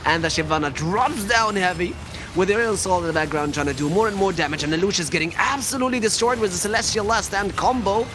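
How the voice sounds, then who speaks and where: A man giving lively play-by-play commentary on a live esports match, his voice leaping up on big moments. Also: fast, background noise. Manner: excitable play-by-play, pitch leaps on big moments. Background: background music.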